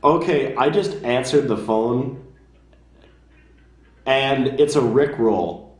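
A man's voice: medium pitch, slow, far from the mic. Sarcastic ranting man, echoey room. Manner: sarcastic, exasperated, swears. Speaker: web show host. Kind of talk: comedic rant reading fan mail.

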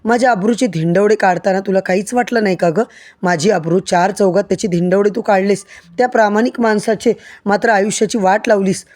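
A woman narrator voicing an angry woman confronting an old rival, in a sharp, accusing manner. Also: medium pitch, fairly even intonation, a little fast, lightly acted. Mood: furious.

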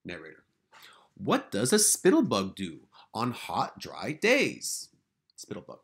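A man's voice: on the low side, huge pitch swings, slow, creaky. A man teacher who switches between Spanish and English as he patiently walks young pupils through their weekly lessons. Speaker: elementary school teacher. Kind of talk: remote class walkthrough for young pupils.

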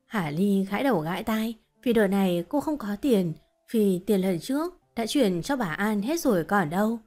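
A woman reading a short story as narrator in a steady, even storytelling voice. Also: medium pitch, normal speed, soft background music.

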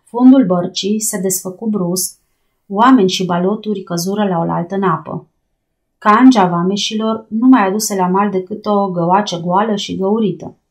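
A woman reading a novel aloud as an audiobook narrator, raising her voice for the sailors' shouts. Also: mid-range voice.

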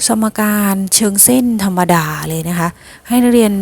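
A woman's voice: medium pitch, moderate pace. A woman teacher patiently explaining a math lesson to her students, often calling them "child" affectionately.

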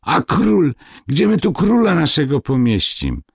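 A man putting on squeaky frightened dwarves. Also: huge pitch swings, slow pace, vocal fry, no room sound, clean studio sound, exaggerated voice. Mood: alarmed. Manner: shrill, squeaky, alarmed. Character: crowd of fretful little dwarves.

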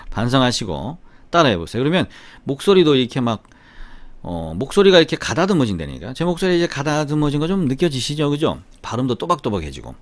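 Lively Korean man teaching grammar. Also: mid-range voice, fairly quick, no room sound. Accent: slight Gyeongsang Korean, mostly Seoul-like. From Gyeongsang, South Korea. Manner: lively, chatty, often asks "right?". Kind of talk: grammar lesson with repeat-after-me drills.

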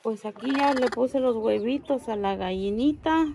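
A woman, narrating a casual vlog about her backyard chickens, speaking softly and sometimes cooing high to soothe a hen. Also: measured pace, gravelly, noisy background. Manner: soft-spoken, coos high and loud to soothe a hen. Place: backyard chicken coop outdoors. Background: clucking chickens and birds.

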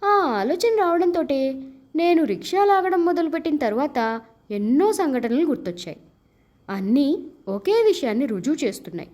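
Her voice sits high as she performs a literary short story in audiobook form. She narrates in a measured, expressive way and voices the characters' lines individually.

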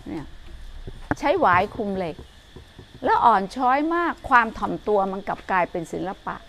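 An older woman gives a gentle Buddhist talk as she walks through a garden. She speaks in a soft, motherly way and calls her listeners her children. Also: medium pitch, expressive, moderate pace, slight background noise. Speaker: Buddhist teacher giving a garden tour. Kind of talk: gentle dharma talk while walking. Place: outdoor garden.

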